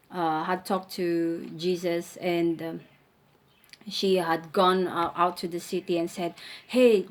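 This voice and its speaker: A woman giving a casual Bible teaching in a conversational way, restarting her sentences often. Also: lowish voice. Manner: conversational, with many restarts and fillers.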